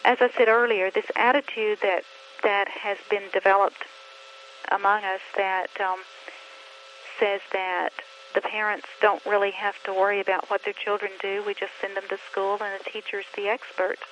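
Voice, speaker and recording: A middle-aged woman who trains teachers, talking earnestly and deliberately to parents about reading, pausing often and asking many questions. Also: medium pitch, level tone, fairly bright tone, slight background noise, low-quality recording. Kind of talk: instructional talk to parents.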